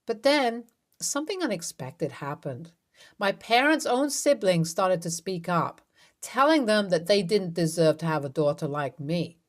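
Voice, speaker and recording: A woman's voice: lowish voice, expressive, a little slow. A woman reading a first-person story aloud with a dramatic, emotional delivery. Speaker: narrator.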